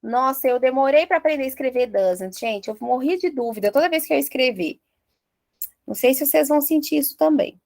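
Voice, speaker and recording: A woman's voice: high voice, lively intonation, gravelly, darkish tone, no room sound. A woman with a Brazilian Portuguese accent teaching an English grammar lesson, joking around and drilling verb forms one by one. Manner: playful, jokey, drills conjugations slowly one by one.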